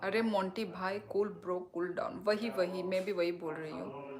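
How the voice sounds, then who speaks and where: A woman's voice: on the low side, slow. A young woman from Tripura hosting a casual live stream, reading and answering viewers' comments in a chatty way. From Tripura, India. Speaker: livestream host reading comments.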